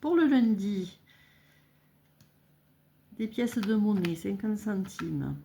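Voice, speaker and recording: Slow gravelly-voiced middle-aged woman. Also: medium pitch, expressive, slight background noise. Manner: counts money aloud, thinks out loud with hesitations. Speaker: budgeting vlogger. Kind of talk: casual talk while filling cash envelopes.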